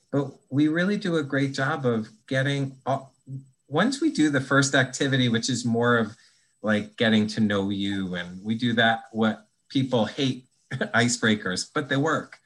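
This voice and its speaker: A podcast guest who works as an anti-bias trainer explains things at length in an ordinary, middle-pitched, slightly bright voice. He's thoughtful and conversational, often restarting sentences as he works out his point.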